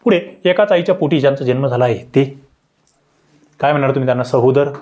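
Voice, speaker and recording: A male tutor walks viewers through exam grammar questions in an online lesson. He talks in a mid-range voice that jumps up sharply on the words he wants to stress. He keeps asking his viewers questions and answers them himself. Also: fast. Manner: animated, leaps up in pitch to stress words.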